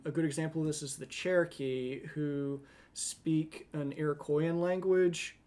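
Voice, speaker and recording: A man co-hosting a podcast, explaining history in a steady, conversational lecturing way with occasional restarts. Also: a little high, measured pace. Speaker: podcast co-host.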